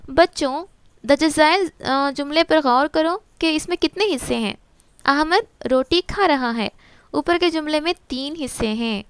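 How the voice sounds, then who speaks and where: This is a woman teaching a grammar lesson from a textbook, her voice pitched high and recorded close with no room sound. She asks each question and then answers it herself, patiently, and mixes English words into her Urdu. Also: a bit bright, no room sound. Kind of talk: explaining a textbook to students.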